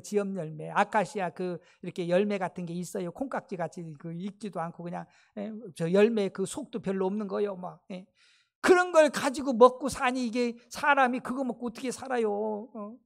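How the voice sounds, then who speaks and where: High-voiced pastor telling a sermon story. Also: male voice. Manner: lively storytelling, asks the congregation questions. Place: church sanctuary.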